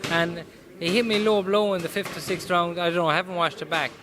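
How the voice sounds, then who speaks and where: Being interviewed in a boxing gym, this pro boxer from Mayo in the west of Ireland talks briskly in a high voice with fairly even intonation. Music plays and the gym is busy and noisy behind him. He answers casually yet earnestly, repeating phrases often.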